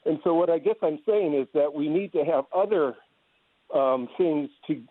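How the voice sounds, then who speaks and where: A man's voice: on the high side, no echo. Hesitant male caller on tinny phone line. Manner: measured, hesitant with fillers. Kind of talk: call-in talk. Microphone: telephone.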